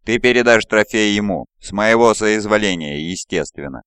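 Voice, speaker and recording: A man voicing a cold, commanding male warlord in an audiobook, measured and slow. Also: lowish voice, expressive, fairly bright tone, smooth, no room sound, clean studio sound. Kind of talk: audiobook character voice.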